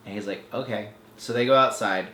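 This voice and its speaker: A man's voice: medium pitch, expressive, normal speed, a bit bright, slight background noise. Guy snarkily recapping a movie, acts out the lines, echoey room. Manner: sarcastic, acts out the characters. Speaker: film podcast host. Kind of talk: casual film recap.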